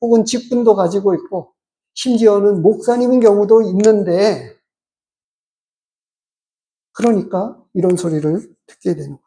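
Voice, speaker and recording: A pastor giving a measured, explanatory sermon and asking the congregation rhetorical questions. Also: medium pitch, dark tone.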